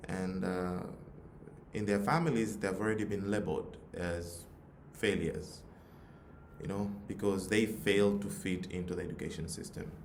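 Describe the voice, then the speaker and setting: Low-pitched and a little mellow with vocal fry, this man's Tanzanian-accented voice carries an earnest motivational talk and personal story at a forum, with phrases repeated for emphasis. He is a youth nonprofit leader. The recording sounds roomy and echoey, and background noise is audible.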